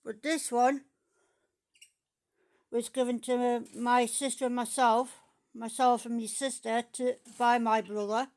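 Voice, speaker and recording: A woman's voice: on the high side, little pitch movement, slow pace, long pauses, darkish tone. A woman talking to her pet parrot in sing-song baby talk, coaxing it to repeat words.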